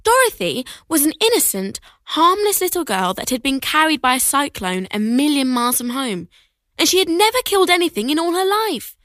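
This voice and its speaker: A woman reading excerpts from several children's and teen books aloud, with expressive, animated storytelling. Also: high-pitched, brisk, dry recording. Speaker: reader.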